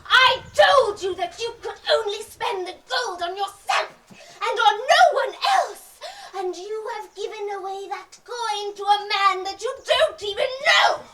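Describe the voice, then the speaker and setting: A woman voicing a magical golden woman from a lake, loud and crying out in despair. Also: extremely high pitch, voice pushed up, heavily acted. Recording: roomy, distant, noisy.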